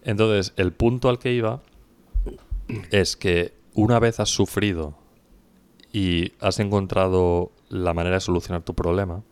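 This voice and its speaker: A man in his thirties with an accent from Spain, chatting casually as a podcast co-host in a hoarse, gravelly voice. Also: sits low, fairly even intonation, unhurried, no echo. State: hoarse from coughing. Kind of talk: casual chat.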